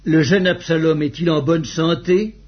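A man reading the lines of a grieving aged king in a husky voice. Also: on the high side, steady tone, normal speed, lightly acted. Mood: anxious. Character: grieving aged king, mourning his son. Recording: dull lo-fi recording.

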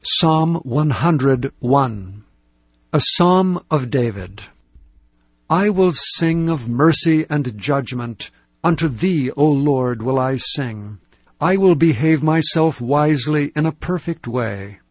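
A man giving a steady, measured, solemn scripture reading. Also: on the high side, no echo. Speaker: Bible reader.

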